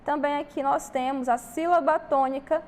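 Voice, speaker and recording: Walking students through exam-prep grammar step by step, this Brazilian Portuguese-accented woman frequently checks in with them. Her voice sits high, with fairly even intonation and a moderate pace, over a little hiss or hum.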